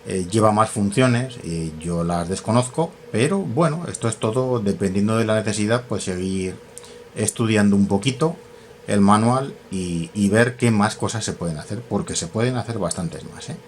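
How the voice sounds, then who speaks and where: A man's voice: fairly low pitch, moderate pace, a little hiss or hum. A man demonstrating radio test equipment in a workshop, talking casually and thinking aloud, often correcting himself with fillers. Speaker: radio equipment tutorial host.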